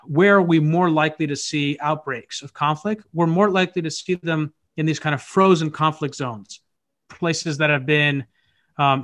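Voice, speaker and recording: Brief: a somewhat higher-voiced American man, searching and reflective, video call interview. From United States. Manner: thoughtful, searching, frequent restarts. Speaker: podcast host appearing as guest. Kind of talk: casual interview conversation.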